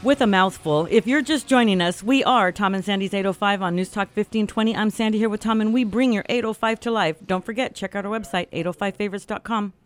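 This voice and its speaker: A woman's voice: mid-range voice, fast talker, few pauses, faint music behind. Chatty woman co-hosting radio. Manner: chatty and giggly. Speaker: radio co-host. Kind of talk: casual radio chat. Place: radio studio.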